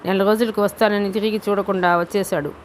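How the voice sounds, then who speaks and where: A woman voicing a blunt male police officer who speaks in a flat, matter-of-fact way. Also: mid-range voice, fast, slight background noise, close to an everyday voice. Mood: stern.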